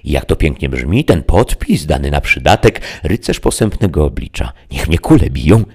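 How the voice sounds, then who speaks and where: A man voicing a blustering, excitable peasant squire in a loud, folksy way, reading an audiobook. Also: a bass voice, normal speed, slightly rough, full character voice.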